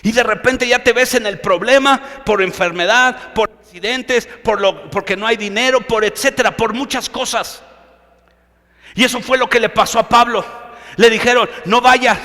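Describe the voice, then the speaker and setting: A man's voice: extremely high pitch, normal speed, bright, forceful tone, big-room sound. A male pastor preaching a sermon with emphatic, direct questions to his listeners.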